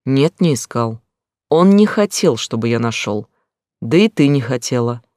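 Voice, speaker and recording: A man playing a weary, guarded older brother who speaks in a flat, subdued way. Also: mid-range voice, unhurried, no echo, clean studio sound, lightly acted.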